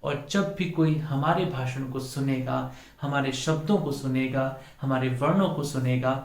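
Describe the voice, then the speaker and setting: A man teaching a Sanskrit pronunciation lesson, slowly and deliberately modelling each sound and repeating words for his students. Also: mid-range voice. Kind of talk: classroom lecture on pronunciation. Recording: echoey room.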